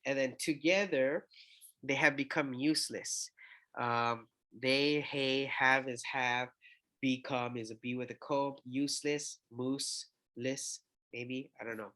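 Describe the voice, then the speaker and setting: A man's voice: medium pitch, fairly even intonation, slow, bright, forceful tone. A man casually walking through his memory tricks, rambling and thinking aloud with fillers and self-corrections. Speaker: scripture memorization teacher. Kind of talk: casual explanatory walkthrough.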